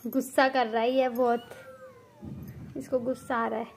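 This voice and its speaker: Gravelly higher-voiced woman calling her cats. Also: little pitch movement, normal speed, a little hiss or hum. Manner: coaxing, calls pets by name. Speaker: cat owner and channel host. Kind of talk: casual pet vlog commentary.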